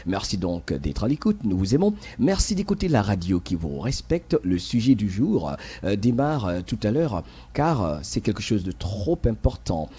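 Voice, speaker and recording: A man's voice: fairly low pitch, very animated, moderate pace, mellow, slightly rough. A man hosting a radio talk show, speaking hesitantly with many fillers and repeated words.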